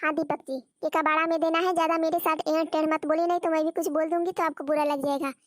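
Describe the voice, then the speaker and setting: A scatterbrained young daughter-in-law from a cartoon story, insisting on her own way and explaining at length, as a woman voices her. Her voice is very high and squeaky. It is recorded dry and close. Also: flat delivery, fast talker, dry recording, lightly acted. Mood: stubborn. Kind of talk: Hindi cartoon story voice acting.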